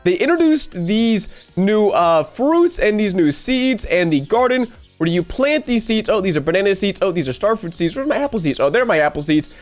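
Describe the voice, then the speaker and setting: A man's voice: high voice, sing-song, normal speed, faint music behind. A man hosting a gameplay video, talking to his viewers in a chatty, upbeat way with a stuffy nose from a cold. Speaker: gaming channel host. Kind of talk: gameplay commentary.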